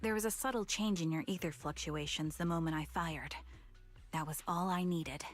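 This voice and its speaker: A woman playing a cool, quietly resolute young sniper in a video game, speaking with cold restraint. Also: fairly low pitch, normal speed, soft background music, close to an everyday voice. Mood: cold resolve.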